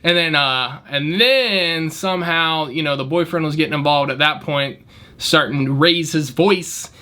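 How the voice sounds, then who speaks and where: A man casually telling an animated story about his valet job, often laughing as he talks. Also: a little high, unhurried.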